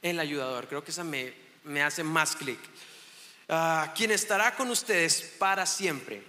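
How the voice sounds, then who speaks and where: Recorded in a church hall with long, echoing reverb, a thirtysomething man from Chihuahua, Mexico, preaches casually as a guest, his northern Mexican accent clear. He sounds a little high, pushed and bright, keeping a measured pace. He's chatty and pokes fun at himself, frequently restarting what he's saying.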